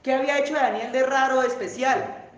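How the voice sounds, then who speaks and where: A male pastor preaching a sermon, telling a story with dramatic rises and drops in pitch and loudness, recorded in a church hall. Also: steady tone, fairly quick, highs cut off. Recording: very echoey church hall with faint noise.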